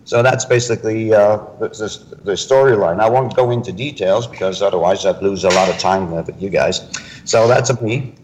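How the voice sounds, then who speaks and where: A man with a French Canadian accent casually introducing his work as a panel guest, in a hesitant, halting way. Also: lowish voice, a little mellow, slight background noise, low-quality recording. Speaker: novelist, podcast panel guest. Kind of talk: casual spoken book introduction.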